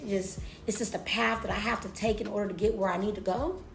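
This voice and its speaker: A woman's voice: mid-range voice, steady tone, fast, gravelly. Woman giving an emphatic, echoey pep talk. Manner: emphatic, preacher-like encouragement with repeated phrases; informal, conversational, addressing listeners as besties. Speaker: motivational speaker. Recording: roomy echo with music behind. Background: music.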